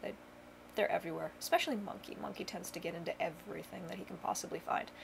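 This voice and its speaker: This young woman vlogger speaks quickly in a lowish, gravelly, steady voice, with background noise audible. Chatting to camera from her home bedroom, she wanders through topics with many fillers and wry jokes at her own expense.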